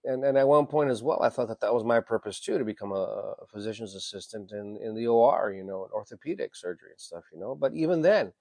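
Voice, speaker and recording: A man's voice: on the low side, animated, quick pace, hardly any pauses, mellow, no room sound, clean studio sound. A man in his fifties who works in emergency medicine, talking through a reflective personal monologue in a rambling way. He leans on "you know", swears casually and often restarts his sentences. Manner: frequent restarts and repeated words.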